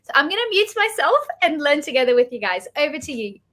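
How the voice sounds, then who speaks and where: A woman's voice: high voice, sing-song, fast, a bit bright. A woman hosting an online masterclass, introducing speakers in an enthusiastic, gushing way. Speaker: webinar host.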